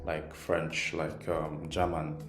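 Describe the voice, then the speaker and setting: A programming instructor with a Nigerian accent, a native Yoruba speaker, teaches in a rumbling low voice with flat delivery and a slow pace. His informal, patient tutorial keeps things simple and often checks in with "right?", recorded with roomy echo and faint music underneath.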